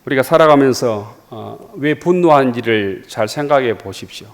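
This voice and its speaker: A man's voice: mid-range voice, animated, normal speed, vocal fry. A man with a Jeolla accent preaching a sermon as pastor, repeating phrases and asking rhetorical questions. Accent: Jeolla Korean. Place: church sanctuary. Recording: reverberant church hall.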